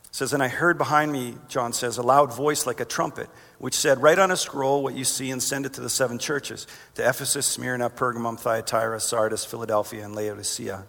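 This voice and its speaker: A man preaching a sermon as pastor, earnest, reading verses and climbing higher for emphasis. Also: fairly even intonation, brisk, creaky, few pauses, a bit bright. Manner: earnest, rises in pitch for emphasis. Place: church sanctuary. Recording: long reverb of a large hall.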